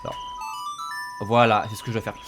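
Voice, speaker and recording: A man's voice: on the low side, little pitch movement, fairly quick, music in the background. Hesitant man narrating a game. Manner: hesitant, many fillers, addresses viewers as "les gars". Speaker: gaming YouTuber. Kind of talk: casual let's play commentary.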